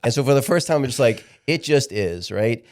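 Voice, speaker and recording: Here a sixty-year-old podcast guest chats openly in a casual interview, his speech halting and full of restarts where he repeats words. He has a medium-pitched, animated, darkish voice, and there's slight background noise.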